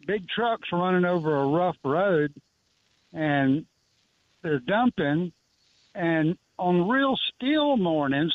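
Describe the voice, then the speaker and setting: A man's voice: high-pitched, no echo. A man in his seventies calling in to a radio show over a tinny phone line, telling his story in a plain-spoken, rambling way. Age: 70s. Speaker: caller. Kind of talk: call-in radio question. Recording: dry, narrow-band phone call.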